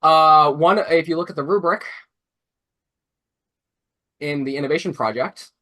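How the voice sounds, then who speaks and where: With an unhurried pace and a sharp, higher-leaning voice, a young robotics-team mentor explains something casually on a video call. He wanders, using many fillers like "like" and "uh," and revises himself mid-sentence.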